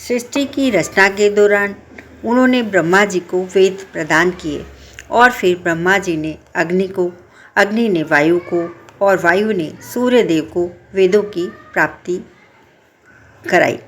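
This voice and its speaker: A woman's voice: mid-range voice, measured pace, a little hiss or hum, lightly acted. Woman voicing a solemn old sage teacher. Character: revered old male sage answering his disciple.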